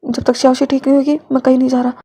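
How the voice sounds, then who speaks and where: A woman's voice: sits high, little pitch movement, rapid-fire, dark tone, husky. A woman voicing a stubborn, protective young male soldier who is also a singer, speaking firmly and insistently.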